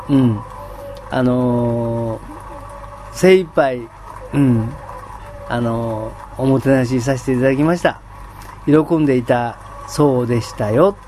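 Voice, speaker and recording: A man's voice: medium pitch, mellow, slight background noise. A man chatting on his own in standard Japanese, enthusiastic, with many fillers and frequent laughs. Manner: enthusiastic storytelling. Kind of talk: casual solo chat.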